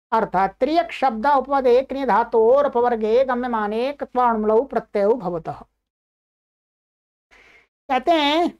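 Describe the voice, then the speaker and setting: A woman's voice: high voice, muffled recording. A woman teaching a grammar class online, reciting each rule and then explaining it plainly.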